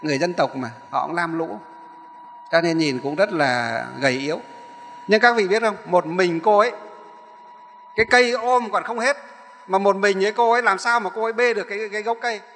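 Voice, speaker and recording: Bright-voiced monk telling a story. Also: male voice, high-pitched, fairly quick, a little hiss or hum. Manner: rambling, repeats and corrects himself. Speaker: Buddhist monk, abbot. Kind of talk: sermon storytelling. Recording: echoey hall.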